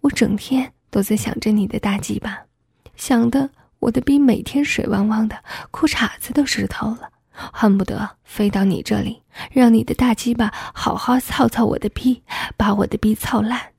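An eager wife breathes her lines in a hushed, husky whispered role-play, as a woman acts her out. She repeats herself with urgency, sitting a little high in pitch, and the sound is close and dry. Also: steady tone, moderate pace, no room sound, full character voice. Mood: breathless.

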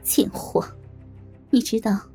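A woman's voice: takes it slowly, dark tone, soft background music, natural voice. A woman voicing a cruel, scornful female tormentor in an audio story, speaking in a sneering, contemptuous way.

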